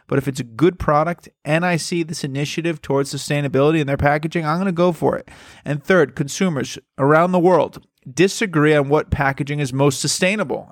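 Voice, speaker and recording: A man's voice: on the high side, creaky, no echo, clean studio sound. A man hosting a show, commenting casually and emphatically while reading a study aloud. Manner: animated, emphatic, repeats words for stress. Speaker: podcast host.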